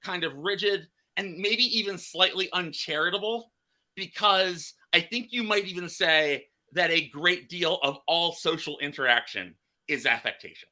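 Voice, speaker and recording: Bright-voiced man hosting. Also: fairly high pitch, moderate pace. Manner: rambling, restarts phrases often. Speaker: podcast host. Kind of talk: casual podcast chat.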